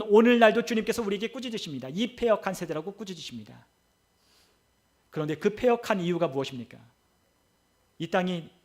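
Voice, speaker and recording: A male pastor preaching a sermon, asking rhetorical questions and repeating phrases for emphasis, recorded in a church. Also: sits high. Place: church sanctuary.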